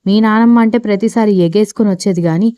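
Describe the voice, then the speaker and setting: A woman voicing an old grandfather who gently teases the family. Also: mid-range voice, quick pace, clean tone, no echo, close to an everyday voice. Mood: teasing. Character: wise teasing old grandfather.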